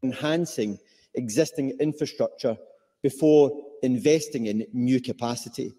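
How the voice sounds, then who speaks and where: A man's voice: medium pitch, normal speed, dark tone. A man with a broad Scottish accent giving a formal, scripted speech as a politician in a parliament chamber. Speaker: government politician. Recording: echoey parliament chamber, played from video.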